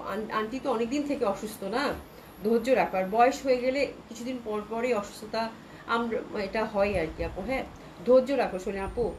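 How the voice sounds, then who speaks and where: A Bangladeshi woman runs a live clothing sales stream as an online seller, speaking quickly in a fairly high voice and chattily reading out viewer comments. A cold has left her throat a little sore. The audio is poor, with faint noise underneath.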